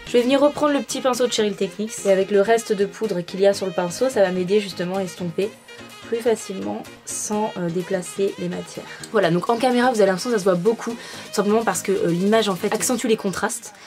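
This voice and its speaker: A woman's voice: mid-range voice, quick pace, a little mellow, faint music behind. Chatty woman narrating a makeup tutorial. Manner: chatty, many fillers. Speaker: beauty vlogger.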